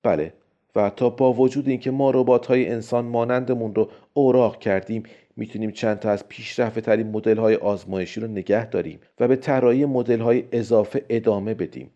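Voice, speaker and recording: A man reading a calm, persuasive robot-company expert. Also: mid-range voice, lightly acted. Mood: calm persuading. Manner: friendly, patient reasoning. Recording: dull lo-fi recording.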